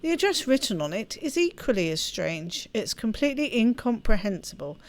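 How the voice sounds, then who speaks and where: A woman hosts a let's play gaming video, chatting casually and reading the story text aloud with expression. Her voice is a little high with big pitch swings, and she speaks fairly quickly.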